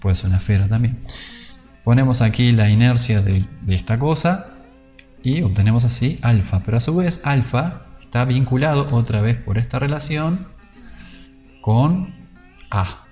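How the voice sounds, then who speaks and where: Mellow-voiced man lecturing on physics. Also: medium pitch, moderate pace, faint music behind. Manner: conversational, thinks aloud, checks in with "¿no?" and "¿sí?". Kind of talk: informal whiteboard lecture.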